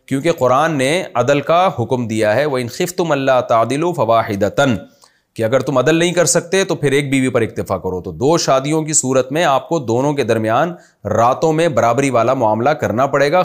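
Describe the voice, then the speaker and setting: Pakistani man answering religious questions. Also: mid-range voice. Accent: Pakistani Urdu. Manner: conversational, explains with examples. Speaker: Islamic scholar answering questions.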